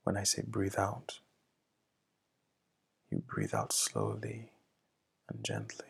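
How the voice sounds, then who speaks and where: Man, husky whisper, gravelly, slow meditation guide, hushed. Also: rumbling low, sing-song. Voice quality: gravelly, breathy half-whisper. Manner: slow, soft, hushed guidance.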